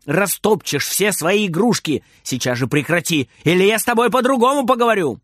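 A man's voice: mid-range voice, big pitch swings, a little slow, dry recording, studio quality. A man voicing a grumpy, busy old grandmother who grumbles and scolds her grandson. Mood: scolding.

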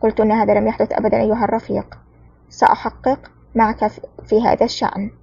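A woman voicing a stern, quick-tempered male general who speaks curtly, in a storybook reading. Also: on the high side, level tone, creaky, dark tone, husky, no room sound, lo-fi sound. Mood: angry. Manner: angry, curt.

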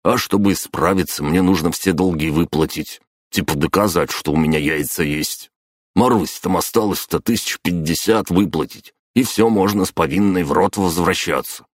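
A man voicing a rough, pushy father who begs for money in a wheedling, panicky manner. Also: deep voice, moderate pace, no room sound, clean studio sound. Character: rough, begging deadbeat father, middle-aged man.

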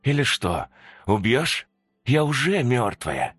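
A man's voice: medium pitch, big pitch swings, slow pace, slightly rough, no room sound, faint music behind, voice pushed up, exaggerated voice. A man doing a guilt-ridden old woman's ghost. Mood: remorseful. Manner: remorseful, quietly confessing.

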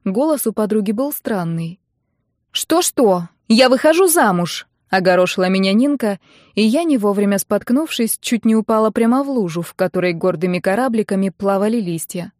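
A woman narrating a novel in the first person, with even, expressive storytelling. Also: mid-range voice, brisk, no room sound, clean studio sound. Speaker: audiobook narrator.

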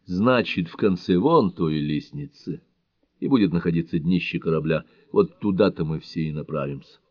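Guy doing a crazed priest yelling at god, loud and high, drawn out words, dry dull sound. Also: no echo. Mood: determined. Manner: shouting, thundering, drawn-out words. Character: frenzied half-naked male priest raging at God.

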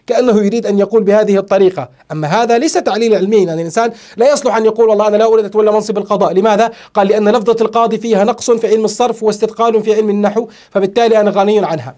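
A sheikh explains grammar and verse in a lecture, his voice notably high for a man. He talks quickly, then slows to stretch out and repeat the key phrases he wants to stress. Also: a little mellow. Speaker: sheikh teaching a classical poem.

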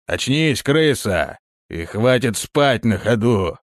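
A man voicing a carefree, mocking demon who taunts and bosses his companion gruffly. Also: mid-range voice, lively intonation, slow, no room sound, clean studio sound, voice pushed up. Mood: taunting.

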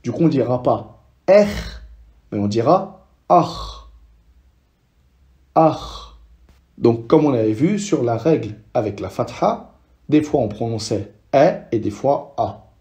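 Homme patient à voix douce et lente. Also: male voice, medium pitch, expressive, measured pace, warm tone. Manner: patient, repeats each sound for learners to echo. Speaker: Arabic reading teacher. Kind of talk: slow step-by-step language lesson.

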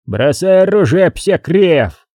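A man's voice: a little high, sing-song, unhurried, warm tone, dry recording, studio quality, voice pushed up, exaggerated voice. A man voicing a blunt old war commander who barks orders and grumbles. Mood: commanding.

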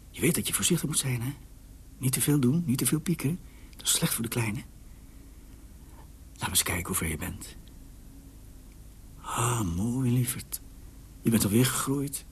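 A man's voice: medium pitch, animated, a little slow, long pauses, slightly rough, full character voice. An actor in a radio drama playing a secretive, agitated man hiding at home, swinging between mockery and frantic whispers. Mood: tender. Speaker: lead character.

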